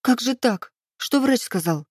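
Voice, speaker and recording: A woman voicing a tearful, anxious young woman who speaks high and strained. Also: moderate pace, mellow, no echo, clean studio sound, natural voice.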